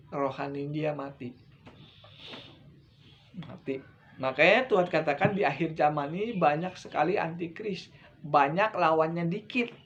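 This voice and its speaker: Male preacher, gravelly voice, blunt and emphatic, faint background hiss. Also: sits high, a bit bright, highs cut off. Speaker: evangelist preacher. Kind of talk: sermon.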